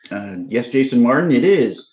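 A man's voice: medium pitch, lively intonation, moderate pace, a little mellow. A man co-hosting a casual chat about films. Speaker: podcast co-host. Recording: echoey, roomy sound.

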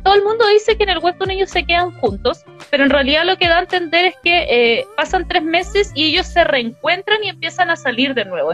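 A young Chilean woman with a high voice, talking casually and animatedly in heavy slang. She acts out snippets of dialogue as she retells a plot. Faint music plays under her voice. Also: fairly bright tone. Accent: Chilean Spanish. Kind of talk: casual chat recapping a story.

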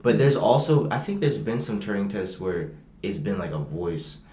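Young man, excitable, slangy, lowish voice, casual podcast chat. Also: moderate pace. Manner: excitable, slangy, says "bro" a lot. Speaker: podcast co-host. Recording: roomy echo.

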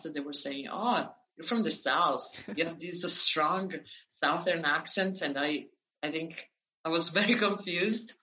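Slow-talking Italian-born woman, bright tone. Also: low-pitched, poor audio. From Italy. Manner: hesitant, many fillers and restarts. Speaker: guest. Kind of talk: conversational interview.

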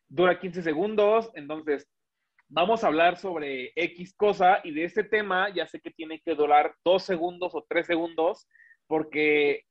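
A man's voice: a little high, dull audio. A man talking casually as an interview guest, rambling with many restarts and fillers. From Mexico. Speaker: guest, illustrator and animator.

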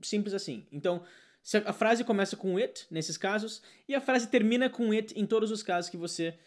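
A man teaching an online English lesson, talking in an energetic, excitable way. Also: sits high, a little fast.

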